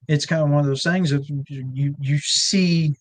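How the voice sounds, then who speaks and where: A man's voice: fairly high pitch, steady tone, slow pace. Folksy man telling a rambling ranch story. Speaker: ranch owner and guest. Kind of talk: casual storytelling chat.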